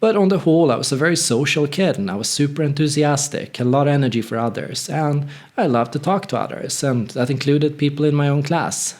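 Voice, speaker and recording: A man's voice: on the high side, brisk, darkish tone. Reflective man. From northern Sweden. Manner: reflective, candid, conversational. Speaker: channel host. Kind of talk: personal storytelling monologue.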